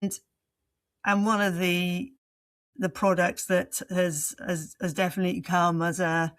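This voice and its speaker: Thoughtful, low-voiced woman coach. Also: flat delivery, unhurried, a bit bright, no room sound. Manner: thoughtful, searching for words. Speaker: leadership coach, guest. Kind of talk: reflective interview answers.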